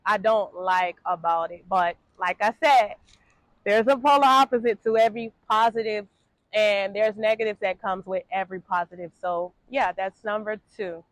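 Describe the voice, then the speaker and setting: A woman's voice: medium pitch, normal speed, no echo. A middle-aged woman from Jamaica who speaks with an American accent, vlogging casually with many fillers and easy laughter. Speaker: travel vlogger. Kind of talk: casual talk to camera. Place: Ghana.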